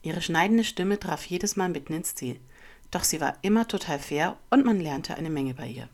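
A woman reading a first-person story aloud as an audiobook narrator, with expressive, dramatic storytelling. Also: lowish voice.

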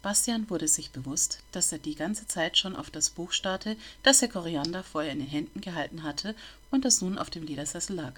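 Low-voiced woman reading a story. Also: normal speed, fairly bright tone. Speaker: reader of a novel. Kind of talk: audiobook narration.

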